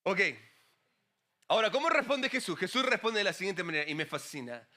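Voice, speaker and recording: A middle-aged male pastor giving a conversational, animated sermon with frequent asides to the congregation. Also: high-pitched, a little fast.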